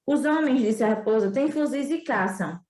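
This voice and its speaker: A wise, patient female fox from a storybook, voiced by a Northeastern Brazilian woman reading aloud, explaining things in a calm, raised voice. The room adds a roomy echo. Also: on the high side, moderate pace, lightly acted.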